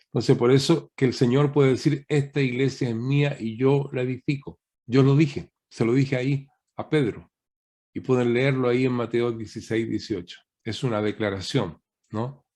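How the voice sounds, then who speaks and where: A man gives a sermon as a guest pastor, his voice coming through a video call. He teaches steadily at a middle pitch, poses rhetorical questions to his listeners, and keeps tagging his points with a quick question. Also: a little mellow.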